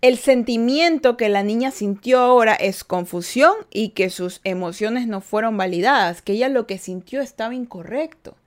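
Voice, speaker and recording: Chatty woman host, higher voice. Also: moderate pace, hardly any pauses. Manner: conversational, reads listener comments, acts out quoted parents. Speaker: podcast host. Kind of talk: casual podcast chat with listeners.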